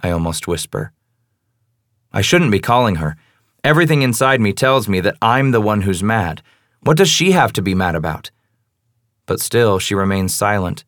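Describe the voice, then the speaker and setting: Young male narrator, low and intimate, brooding first-person read, dry close sound. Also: big pitch swings, moderate pace, long pauses, fairly bright tone, no echo. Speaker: audiobook narrator.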